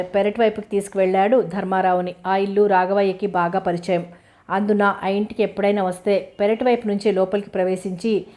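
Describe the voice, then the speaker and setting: A woman reading a novel aloud as an audiobook narrator. Her voice sits at a middle pitch, and she tells the story at a steady pace. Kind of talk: scripted narration.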